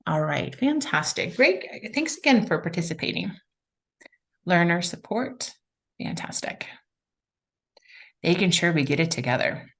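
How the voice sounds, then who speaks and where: A woman's voice: fairly low pitch, very animated, moderate pace, gravelly. A woman hosting a live webinar, enthusiastically reading out chat responses. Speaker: webinar facilitator.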